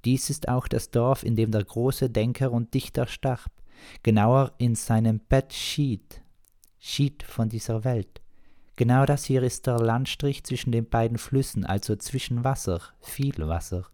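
A man's voice: mid-range voice, fairly even intonation, a little slow, dark tone, no echo, studio quality, pitched above the performer's own voice, natural voice. A man voicing a talkative village woman who chats unbothered and bosses the young cook about. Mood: chatty. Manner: chatty, bossy, unbothered. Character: chatty bossy village woman.

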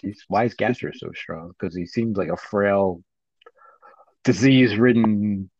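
Man, low voice, dull dry lo-fi audio, loose rambling podcast chat. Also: a little slow, a little mellow, breathy edge, no room sound. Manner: casual, rambling, swears freely. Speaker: podcast co-host. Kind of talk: unscripted book discussion.

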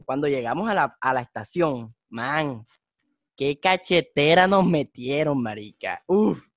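A young man, telling a street story on a casual podcast in slangy, animated talk. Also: fairly high pitch, unhurried, dry recording, clean studio sound. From Colombia. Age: young adult. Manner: slangy, animated, acts out voices in his stories. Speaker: podcast host.

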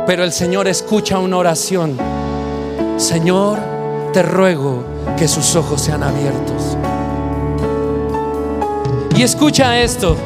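A man preaching a sermon with passion, shouting and half-singing at his peaks. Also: high-pitched. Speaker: pastor. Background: music.

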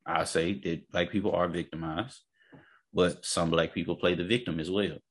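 A man's voice: sits low, fairly even intonation, normal speed, breathy edge. A man in a casual, opinionated discussion, speaking emphatically, repeating his points and checking that the listener follows.

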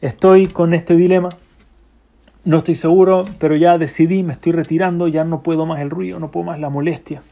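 A man's voice: a little high, level tone, fairly quick, creaky, warm tone. A man voicing a weary older male bus driver who sounds tired and resigned. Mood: weary resolve.

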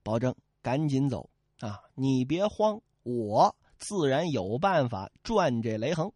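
A man voicing a sly male constable who secretly helps a fugitive, talking in an urgent hushed way. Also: mid-range voice, big pitch swings, takes it slowly, slightly rough, dry recording, clean studio sound, pitched below the performer's own voice, full character voice. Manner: urgent, hushed then pleading.

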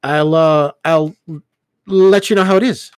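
A man's voice: a little high, steady tone, measured pace, clean tone, dry recording, studio quality, lightly acted. A man voicing a shy, awkward young male student who stammers and hesitates. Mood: awkward, hesitant.

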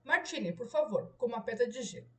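A woman's voice: fairly high pitch, sing-song, darkish tone, recorded from a distance. Woman reading as a courteous young doctor. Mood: polite. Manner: courteous, measured. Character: polite young male doctor, calm and courteous.

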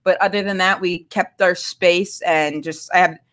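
A woman's voice: fairly low pitch, moderate pace. A young woman from Maine, a guest in a casual podcast conversation, who tells her stories animatedly and acts out what people said. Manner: animated storytelling, acting out quotes.

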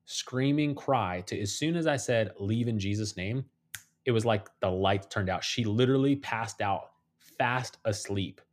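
A man telling supernatural stories in a podcast conversation, animated and acting out the voices of the people in them. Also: on the low side, measured pace. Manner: animated storyteller, acts out quoted voices. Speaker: guest.

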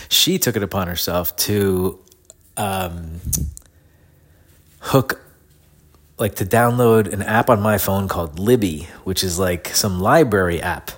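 A middle-aged man speaks in a low-pitched voice made grating and congested by a head cold and sore throat. He hosts alone in a casual, diary-like style, complaining informally and with open frustration. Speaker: podcast host. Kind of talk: casual solo rant, diary-like.

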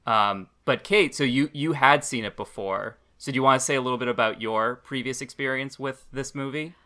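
A man's voice: medium pitch, fairly quick, pushed and bright. A man hosting a casual podcast chat, laughing easily and steering the talk to his guests. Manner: laughing, moderating, asks guests in turn. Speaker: podcast host.

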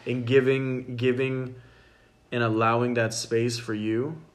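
A man with an ordinary mid-range voice chats in a relaxed, slangy way. He peppers his sentences with "dude," "bro" and "like.". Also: medium pitch, takes it slowly. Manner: laid-back, heavy "dude" and "bro" slang. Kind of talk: casual chat.

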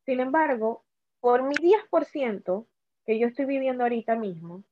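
A woman's voice: fairly high pitch, normal speed, slight background noise. A woman with a Panamanian accent talking earnestly about her illness, often repeating words. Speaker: cancer survivor guest. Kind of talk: conversational talk. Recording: tinny phone-like audio.

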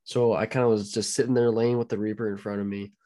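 Man, co-host, lowish voice, chatty and hedging, lots of "you know.". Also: flat delivery, quick pace, mellow. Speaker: podcast co-host. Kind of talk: casual storytelling.

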